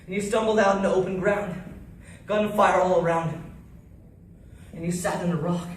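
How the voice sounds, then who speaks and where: Playing a tormented soldier mourning comrades lost in battle, a man delivers an intense, theatrical first-person monologue. His high-pitched voice holds a steady tone at a moderate pace, and the recording is echoey, distant-miked and faintly noisy.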